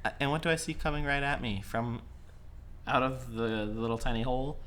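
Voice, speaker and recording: Bright-voiced man, laid-back podcast co-host. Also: medium pitch, a little fast. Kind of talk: casual comedic chat.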